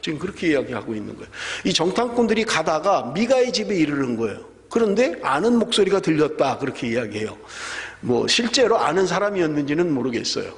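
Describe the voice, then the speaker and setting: A male pastor preaching a sermon in a church sanctuary, animated and full of rhetorical questions to the congregation. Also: a little high, quick pace. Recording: long church hall reverb.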